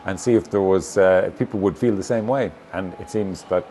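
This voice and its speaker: A man's voice: sits low, normal speed, warm tone. A man from Galway with a west of Ireland accent, answering interview questions as a stage actor and often feeling for his words. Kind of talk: interview answers about own work. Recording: clearly noisy location recording with ambience.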